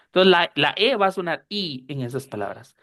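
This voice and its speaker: A woman teaching a class, explaining slowly and patiently, often repeating herself and checking that her students follow. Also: sits low, big pitch swings, fairly bright tone, no echo, studio quality. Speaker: English teacher.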